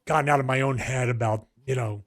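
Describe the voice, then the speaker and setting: A middle-aged podcast co-host with a Philadelphia accent tells long, wandering stories in casual chat, easygoing and conversational, often restarting sentences and leaning on fillers. His voice is medium-pitched and steady, moving fairly quickly.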